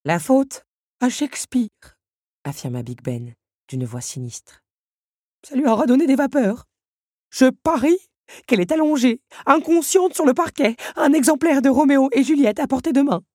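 A woman's voice: high voice, animated, moderate pace, a little mellow, no room sound, studio quality, voice pushed up. A woman voicing a pompous, gloomy old clock who predicts disaster dramatically. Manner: grim, dramatic.

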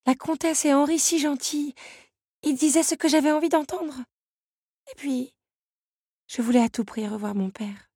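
A woman's voice: sits high, normal speed, pauses often, a little mellow, no echo, studio quality, voice pushed up, lightly acted. A woman reading an audiobook and voicing a despairing young woman who pleads and speaks through tears. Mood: tearful.

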